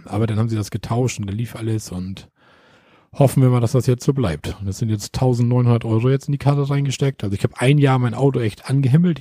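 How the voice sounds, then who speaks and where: A man's voice: medium pitch, warm tone, breathy edge, no room sound, clean studio sound. A man co-hosting a podcast, telling a long rambling anecdote in casual chat. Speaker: podcast co-host.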